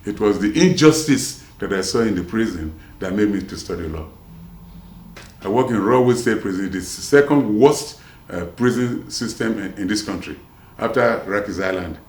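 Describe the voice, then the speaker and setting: A Nigerian man in his seventies, once a prison officer, tells his story in a casual street interview, rambling and restarting often. His accent blends Nigerian and American, and his lowish, somewhat mellow voice moves at a moderate pace in a roomy-sounding space.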